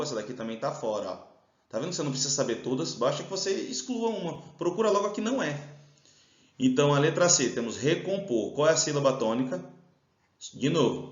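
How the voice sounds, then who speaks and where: A Brazilian man teaching an exam-prep grammar lesson, explaining step by step and stretching out stressed syllables. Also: mid-range voice. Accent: Brazilian Portuguese. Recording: roomy, slightly dull sound.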